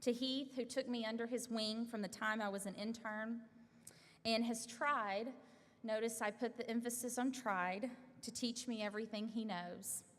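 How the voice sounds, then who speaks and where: A woman's voice: on the high side, fairly even intonation, moderate pace, hardly any pauses. Young woman giving a heartfelt acceptance speech. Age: young adult. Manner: earnest, heartfelt thank-yous read from notes. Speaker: award recipient. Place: large hall at an awards event. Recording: long hall reverb.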